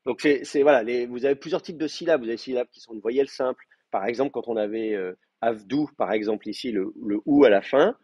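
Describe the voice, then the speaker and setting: A man teaching an advanced Hebrew class, explaining grammar with hesitant pauses, restarts and fillers. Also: mid-range voice, darkish tone, breathy edge, no room sound. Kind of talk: classroom lecture. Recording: muffled, dry classroom recording.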